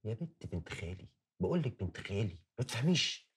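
Brief: rapid, lively Egyptian young man, pleading for calm. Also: fairly low pitch. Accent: Egyptian Arabic. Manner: pleading, fast, lively intonation. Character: young man, weary, trying to keep the peace.

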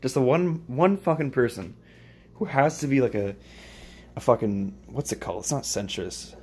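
A man's voice: medium pitch, moderate pace, darkish tone, a little hiss or hum. Mumbling, swearing young man. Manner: crude, swearing, mumbling, offhand. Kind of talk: rambling casual vlog while cooking. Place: home kitchen, indoors. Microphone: phone camera held and moved around.

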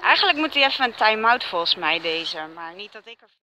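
A woman's voice: mid-range voice, very animated, fairly quick, pushed and bright, a little hiss or hum, poor audio. A woman at an outdoor dog park, calling and coaxing dogs in sing-song baby talk and laughing often. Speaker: dog owner.

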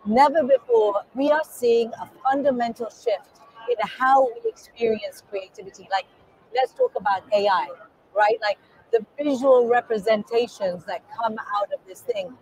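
A middle-aged woman from Kenya, interviewed casually as a guest artist at an indoor expo booth, talks with animated enthusiasm and gestures freely. The poor-quality audio carries her slightly rough voice, which is on the high side and moderately paced.

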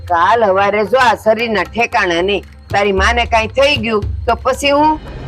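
A high-pitched older woman speaks. She plays a domineering mother-in-law who scolds and pushes, and faint music runs behind her. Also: moderate pace, a bit bright. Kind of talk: village family drama acting.

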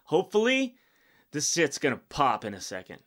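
A man's voice: on the high side, huge pitch swings, moderate pace. A man in his fifties talks his way through a reaction video in a loose, casual manner. He is blunt about his opinions and rambles, filling the gaps with ums and you-knows. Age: 50s. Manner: blunt, rambling, with many fillers.

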